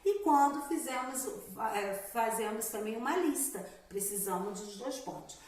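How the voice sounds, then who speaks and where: A woman's voice: on the high side, expressive, moderate pace, darkish tone, far from the mic. A woman primary school teacher giving a recorded grammar lesson, explaining step by step and often checking in with the class. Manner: explains step by step with frequent "né?" and "galerinha". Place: room at home. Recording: very echoey room, voice set back from the mic.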